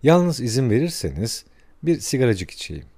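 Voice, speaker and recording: A man's voice: mid-range voice, big pitch swings, normal speed, warm tone, pitched above the performer's own voice. A man voicing a cunning middle-aged male investigator with a cheerful, needling politeness in a storybook reading. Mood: jovial.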